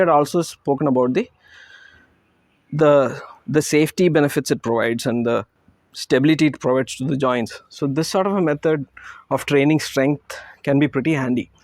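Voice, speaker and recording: A man, a doctor, talks casually to camera about training and lays out each point methodically. His voice sits a little higher than most men's. The sound is dry and close, with no room echo. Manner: methodical, explains step by step. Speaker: doctor presenting fitness advice.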